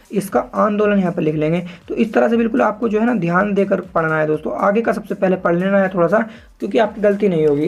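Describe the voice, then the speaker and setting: A man teaching shorthand step by step, spelling out sounds slowly and repeating each word, often addressing viewers as friends. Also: high voice, gravelly, darkish tone. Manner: slow and repetitive, spelling out sounds piece by piece and calling viewers "friends". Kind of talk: step-by-step tutorial explanation.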